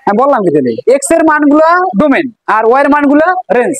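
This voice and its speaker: A woman's voice: high voice, sing-song, fast, rough recording. A woman teacher with a Bangladeshi Bengali accent, leading a classroom math lesson, asking questions and repeating answers.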